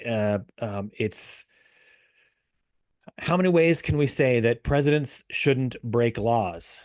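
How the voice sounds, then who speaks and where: A man explains a legal point on a podcast with a middling, ordinary pitch. He hesitates often, restarting with ums and you-knows. The recording is dry and close. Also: animated, slow pace, dry recording. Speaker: podcast co-host. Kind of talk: casual political chat.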